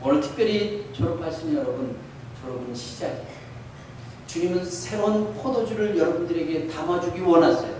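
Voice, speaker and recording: A man's voice: sits high, animated, brisk, a little mellow. Man preaching in an echoey hall. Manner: earnest exhortation, reading a quoted letter aloud. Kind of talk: graduation sermon. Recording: echoey hall, mic far off, faint noise.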